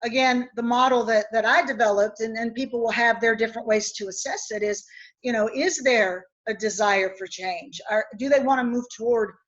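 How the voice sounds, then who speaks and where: Speaking at a normal speed in a slightly high voice, a West Virginian executive coach earnestly explains her ideas through anecdotes in a webinar discussion. The sound quality is dull and lo-fi.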